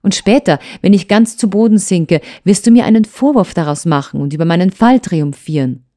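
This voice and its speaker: A woman voicing a hurt young wife who pleads and reproaches her husband with urgency, in a mellow tone. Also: lowish voice, unhurried. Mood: reproachful.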